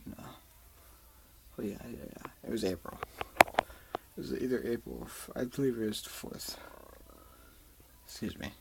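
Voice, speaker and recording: A man's voice: medium pitch, normal speed, creaky, long pauses, noisy background. A young man rambling through a personal story in a casual vlog, swearing often and using lots of fillers. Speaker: vlogger.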